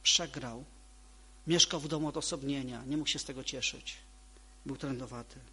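A man preaching a sermon to a congregation, emphatic, repeating key phrases and moving between loud and soft delivery. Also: mid-range voice, steady tone, moderate pace, slightly rough.

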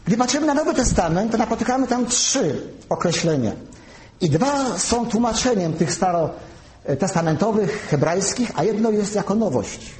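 A man giving a sermon, teaching slowly and carefully and spelling out terms one by one. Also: high-pitched, animated, darkish tone, a little hiss or hum. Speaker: preacher. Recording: echoey room.

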